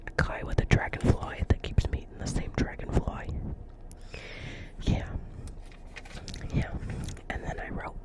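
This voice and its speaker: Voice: a little slow, pauses often. A whispered role-play of a chatty, dreamy doctor's office receptionist with a New Jersey accent, rambling earnestly, repeating phrases and often checking in with the listener.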